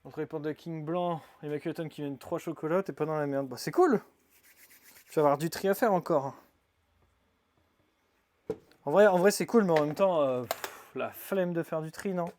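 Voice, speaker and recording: A man's voice: a little high, fairly quick, a little mellow. A man on a live stream reading out viewers' comments and chatting back casually. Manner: chatty, reading comments aloud and answering them.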